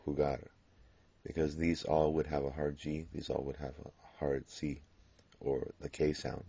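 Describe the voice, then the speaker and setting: A man teaching a Spanish grammar lesson, explaining patiently and pausing on fillers as he works through examples. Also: very deep voice, level tone, gravelly, warm tone, slightly rough. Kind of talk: classroom grammar lecture. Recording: dull lo-fi classroom recording.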